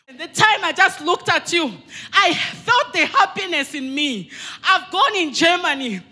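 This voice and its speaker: A woman's voice: very high voice, lively intonation, a little slow, pushed and bright. A young woman from Zambia giving an earnest, emphatic church testimony into a handheld mic in a large hall. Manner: earnest, emphatic, retelling dialogue.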